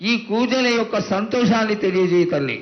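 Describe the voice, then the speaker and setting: High-voiced man, reverent priestly pleading. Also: expressive, a little fast, muffled recording. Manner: reverent, supplicating, addresses the goddess as mother. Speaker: priest questioning the oracle. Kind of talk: devotional pleading and questioning.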